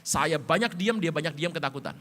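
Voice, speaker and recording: A middle-aged male pastor telling stories in a sermon, animated, swinging between loud emphatic bursts and quiet low asides. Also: a little fast. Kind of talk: storytelling sermon. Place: church sanctuary. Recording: church hall reverb.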